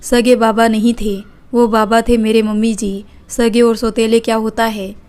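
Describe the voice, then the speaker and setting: Woman reading as a gentle, polite young wife. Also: on the high side, little pitch movement, normal speed, lightly acted. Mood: pleading. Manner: polite, pleading.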